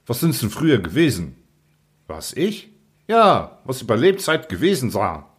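A man voicing a grumbling Bavarian postal clerk, blunt and cross, with a husky voice. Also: medium pitch, huge pitch swings, a little slow, exaggerated voice. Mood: indignant. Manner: blunt, grumbling dialect speech.

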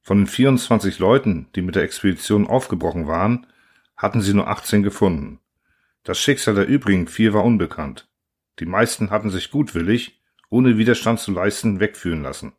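A man narrating a novel in a measured, even storytelling manner. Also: lowish voice, slightly rough. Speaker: audiobook narrator. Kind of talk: scripted narration.

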